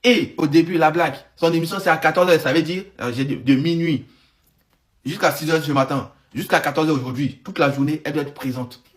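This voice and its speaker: Sarcastic male vlog commentator, slightly high voice, rambles. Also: brisk. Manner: rambling, sarcastic, lots of restarts. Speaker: online commentator.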